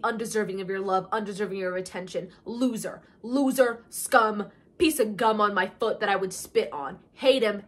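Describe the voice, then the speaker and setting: A woman's voice: medium pitch, breathy edge. Theatrical young woman dishing gleeful gossip. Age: young adult. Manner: slangy, heavy use of "like". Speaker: vlogger reading followers' confessions. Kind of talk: casual chat, reading out and reacting to confessions. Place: small bedroom, indoors.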